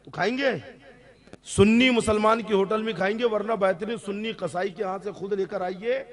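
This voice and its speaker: A man's voice: sits high, fairly even intonation. A man, an Islamic scholar, answering audience questions on religious rules, stressing key points and often checking that listeners follow. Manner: emphatic, repeats key rulings.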